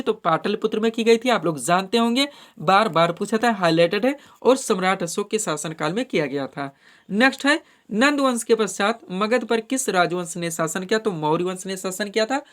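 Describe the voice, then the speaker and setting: Woman teaching an exam prep class. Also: mid-range voice. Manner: keeps addressing listeners as friends, repeats "pay attention".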